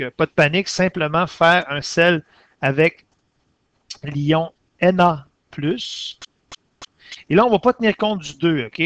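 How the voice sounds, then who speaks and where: A man's voice: a little high, a bit bright, no room sound. A man with a Quebec French accent, a science teacher walking through exercise corrections step by step and stopping to fix his own slips. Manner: methodical, explains step by step, pauses to correct himself.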